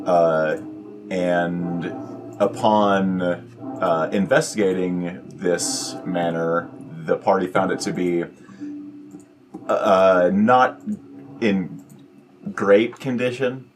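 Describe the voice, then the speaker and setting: A man playing in a tabletop game, recapping the story haltingly with many pauses and fillers. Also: low-pitched, fairly even intonation, over music. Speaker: player.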